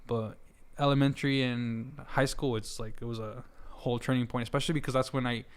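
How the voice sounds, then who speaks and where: Young man, smooth voice, rambling chat. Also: medium pitch, fairly even intonation, brisk. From Juarez, Mexico. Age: about 20. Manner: rambling, laughs easily, many fillers and restarts. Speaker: guest musician. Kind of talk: casual interview chat.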